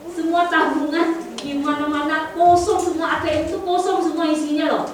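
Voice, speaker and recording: A middle-aged woman giving a sermon testimony, telling her story in a lively way and acting out the voices of the people in it. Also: extremely high pitch, normal speed, a little hiss or hum. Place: church hall. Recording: echoey hall from far off.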